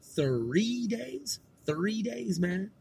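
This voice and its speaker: A middle-aged podcast host with a West Coast accent speaks extremely slowly in a high-pitched, creaky, dark-toned voice that's slightly rough yet very animated. He rambles through a laid-back monologue of slang, heavy swearing, and fillers.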